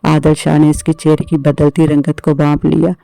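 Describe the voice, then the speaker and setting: A man reading a scripted horror story in an even, measured narration. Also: a little high, creaky, no echo, low-quality recording.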